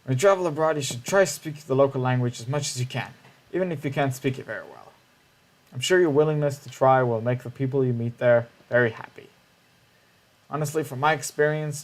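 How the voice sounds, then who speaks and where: Here is a cheery, joking language teacher from a video game, read out by a man in a playful lecturing way. The voice sits at an ordinary middle pitch, with an upbeat, classroom-friendly delivery. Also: a little fast, close to an everyday voice. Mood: cheerful. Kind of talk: reading game dialogue aloud.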